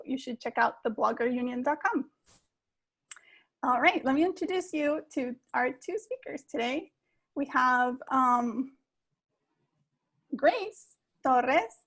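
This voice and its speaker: A woman's voice: high-pitched, a bit bright. A woman hosting an online webinar, friendly and chatty, a little distracted while she introduces speakers. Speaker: webinar host.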